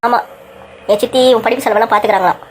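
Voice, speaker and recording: A woman's voice: a little high, steady tone, racing, slight background noise, lightly acted. A woman voicing a caring young man who talks earnestly and persuasively in a cartoon story. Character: caring young man, protective of his cousin.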